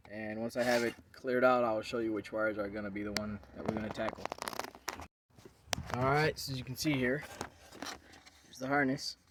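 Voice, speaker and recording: A man's voice: medium pitch, background noise. A man casually narrating a car repair video from inside the car, rambling and thinking aloud with fillers as he works, recorded on a handheld phone.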